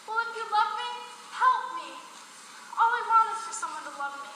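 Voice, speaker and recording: A woman's voice: very high-pitched, animated, moderate pace, pushed and bright, exaggerated voice. An actress playing an earnest young woman pleading to be loved forever. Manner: pleading, intense. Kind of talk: stage acting. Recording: echoey stage recording from far off, noisy.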